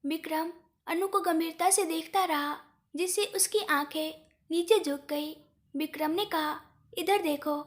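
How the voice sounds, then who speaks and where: A woman storyteller narrates a scripted story in a steady, plain way. Her voice sits very high. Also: a little slow.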